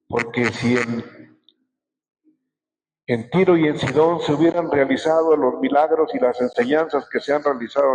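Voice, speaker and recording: A man, a bishop giving a Sunday sermon, preaching slowly and emphatically and stretching out his words. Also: medium pitch, a little mellow, slight background noise. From Mexico. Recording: echoey church hall.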